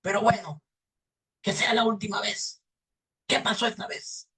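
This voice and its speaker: A man's voice: high-pitched, fairly even intonation, measured pace, sharp tone, slightly rough, voice pushed up, full character voice. A man voicing a grumpy, menacing male devil in a folktale, with a strained, raised voice that snaps and threatens. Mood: grudging.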